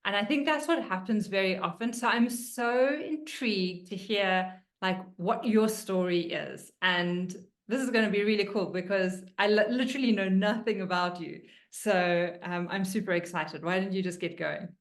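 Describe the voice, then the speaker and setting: A woman hosting a relaxed interview who sounds bubbly and eager. She talks in a loose, informal way, sprinkling in plenty of fillers as she thinks aloud. Her pitch stays in an ordinary middle range. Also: normal speed, few pauses. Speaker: interview host. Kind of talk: casual interview chat.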